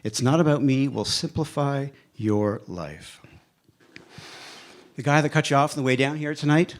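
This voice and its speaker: A man of fifty giving a motivational speech to a live audience, emphatic, with a repeated refrain and dramatic pauses. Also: medium pitch, animated. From Canada. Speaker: speaker at a live evening event.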